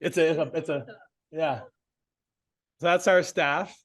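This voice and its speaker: A man who runs an agency, a podcast guest in casual interview talk, earnest and animated and quick to laugh, heard over a video call. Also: fairly high pitch.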